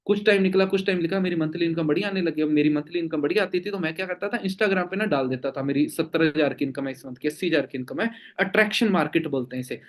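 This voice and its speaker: This young man heads a network marketing team meeting, responding to questions with emphasis, rhetorical questions, and repeated "theek hai?" check-ins. His slightly high voice moves quickly with few pauses.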